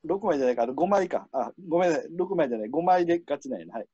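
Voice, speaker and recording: A man with a Kansai accent hosting a word game, explaining rules in a relaxed, chuckling way. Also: a little high, racing, husky, dry recording, lo-fi sound. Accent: Kansai Japanese. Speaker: game host and referee. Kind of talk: casual game commentary.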